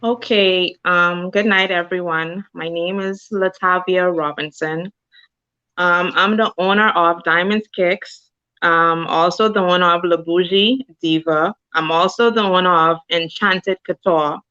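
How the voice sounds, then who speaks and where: Woman, interview guest, low bright voice, chatty, dull lo-fi sound. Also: fairly even intonation, measured pace, clean tone. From Bahamas. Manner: chatty, many ums and likes. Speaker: guest entrepreneur. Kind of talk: casual interview talk.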